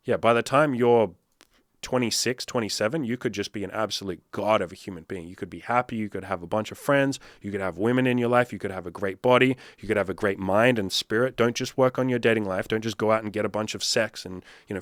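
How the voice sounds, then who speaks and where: A man's voice: on the low side, no room sound, clean studio sound. A man in his thirties, a dating coach giving blunt, profane, fired-up advice in a casual monologue. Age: 30s.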